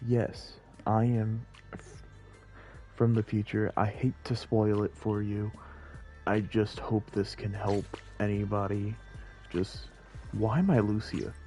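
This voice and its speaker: This man's voice sits on the low side, warm but flat, and he speaks slowly. He's streaming a game and musing to viewers in a casual, rambling, self-deprecating way, with the game's music playing behind him.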